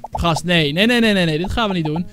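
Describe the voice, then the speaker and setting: A man giving excitable let's-play commentary, yelping and cheering, with English swear words thrown into his talk. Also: high-pitched, fast, faint music behind. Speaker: gaming YouTuber.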